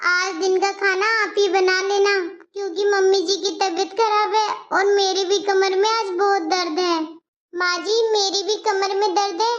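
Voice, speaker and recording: A woman's voice: very high voice, highs cut off. A woman voicing a patient, polite young daughter-in-law in a cartoon story. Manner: calm, polite, quietly firm.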